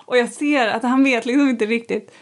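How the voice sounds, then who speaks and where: A woman in casual conversation, telling a personal story in a lively way and acting out what people said. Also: a little high. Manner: animated storytelling, acts out quoted lines. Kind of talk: casual chat.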